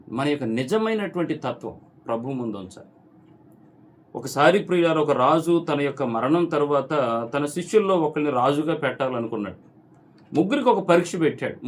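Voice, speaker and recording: A man's voice: medium pitch, a little hiss or hum. A priest giving a sermon, preaching emphatically, calling out to his congregation and asking rhetorical questions. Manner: tells a parable to make his point.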